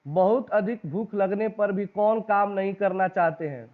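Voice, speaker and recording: High pitched bihari guy teaching exam prep in a classroom, keeps asking the class and repeating answers, phone-quality audio. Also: measured pace. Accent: Bihari Hindi. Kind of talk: exam-prep lesson, reading out quiz questions and options. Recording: tinny phone-like recording.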